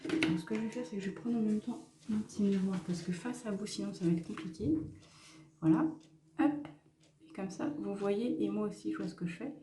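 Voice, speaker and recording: A woman's voice: medium pitch, a little fast, mellow, roomy sound. A woman talking through a makeup tutorial in a casual, hesitant way with many fillers. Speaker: makeup vlogger.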